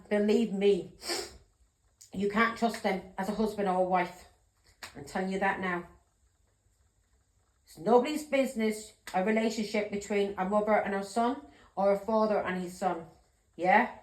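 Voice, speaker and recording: A woman's voice: mid-range voice, reverberant, low-quality recording. A middle-aged woman giving a tarot reading, talking bluntly and heatedly, swearing and often asking "yeah?". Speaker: tarot reader. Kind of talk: emotional tarot reading monologue.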